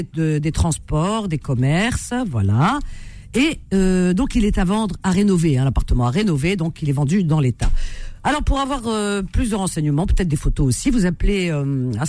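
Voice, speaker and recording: A woman hosting a call-in classifieds radio show, chatty and warm, reading out listings and phone numbers. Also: on the low side. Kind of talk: live call-in radio chat.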